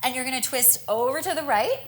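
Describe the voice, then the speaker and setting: Leading a guided yoga class, this young instructor offers encouraging cues timed to the breath while a little out of breath herself. Her voice sits high and moves a little fast.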